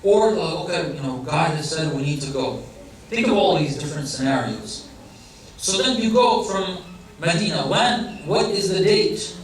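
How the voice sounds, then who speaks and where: Speaking at moderate pace with a fairly high, expressive voice, this man delivers a religious talk in a chatty style and keeps asking his listeners questions. He comes from an Iranian family. The audio is distant and heavily reverberant, recorded in a big hall or center.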